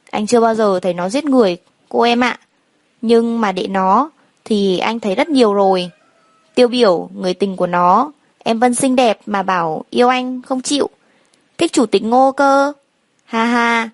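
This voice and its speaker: A woman puts on a sneering, condescending gangster man who talks down to a naive young woman. The delivery sits fairly high and sounds close and dry, with no room around it, as in a storybook read aloud. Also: no echo, close to an everyday voice. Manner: taunting, condescending. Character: sneering male gangster kidnapper, mocking.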